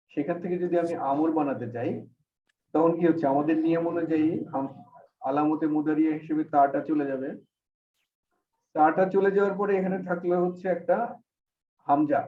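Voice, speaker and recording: Man teaching online, patient step-by-step explaining, fairly high voice, far from the mic, roomy, tinny phone-line sound. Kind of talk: online Arabic grammar class. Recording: echoey, distant, phone-like call audio.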